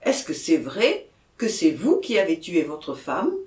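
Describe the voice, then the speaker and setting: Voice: medium pitch, wildly swooping pitch, unhurried, a little mellow. A reader voicing a cheerful village doctor who asks offhand questions, in a storybook reading with a roomy echo. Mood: jovial. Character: jovial village doctor, middle-aged man.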